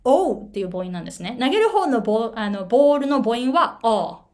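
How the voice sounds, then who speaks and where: Her voice is slightly high and fairly quick as this middle-aged woman from Japan gives an informal video lesson on English pronunciation. She's a lively storyteller who moves back and forth between Japanese and English.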